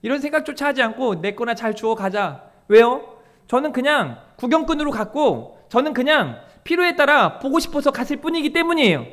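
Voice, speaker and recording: A man preaching a Sunday sermon as pastor, in a voice that sits very high for a man. He talks straight to his congregation, and his pitch rises and falls a great deal. He often slips into acted voices for the people in his stories. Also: a little fast. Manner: lively preaching that acts out quoted voices of congregants and the Lord.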